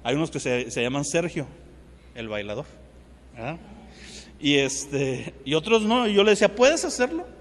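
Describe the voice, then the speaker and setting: Male pastor, high voice, animated testimony sermon, long church-hall reverb. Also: normal speed, long pauses, a little hiss or hum. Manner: animated storytelling, acts out dialogue.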